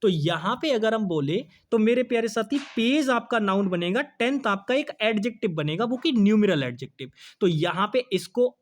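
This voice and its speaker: A man teaching an English grammar lesson for exam prep, explaining in Hindi, asking questions and answering them himself, and reading the example sentences slowly. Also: high voice, lively intonation.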